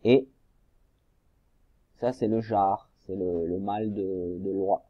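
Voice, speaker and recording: Male teacher, mid-pitched, slow and patient, spelling out syllables for young readers on a dull lo-fi recording. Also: fairly even intonation, no room sound. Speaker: primary school teacher. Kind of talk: recorded remote lesson, guiding exercises.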